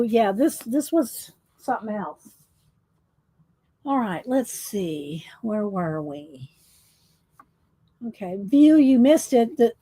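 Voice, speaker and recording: Brief: woman, live-stream host, rambling chatty delivery, slightly high pitch, dry close mic. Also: a little mellow, dry recording. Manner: rambling, chatty, many restarts. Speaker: livestream host coloring. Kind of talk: casual live-stream chat with viewers.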